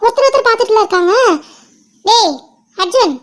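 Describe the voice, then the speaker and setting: A woman's voice: very high-pitched, a little fast. Woman voicing a whiny, sulky cartoon girl. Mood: grumbling. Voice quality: whiny and grumbling. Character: sulky lonely young woman missing her faraway lover. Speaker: friend on an outing. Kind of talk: animated cartoon voice acting.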